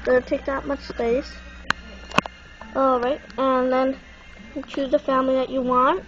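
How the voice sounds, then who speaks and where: Casual tutorial presenter, young female, high pitch, congested nasal tone, dull phone recording. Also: level tone, a little slow, over music. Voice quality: stuffy, congested-sounding nasal voice. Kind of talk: casual unscripted how-to walkthrough. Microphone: handheld phone. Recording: muffled, noisy phone camera recording.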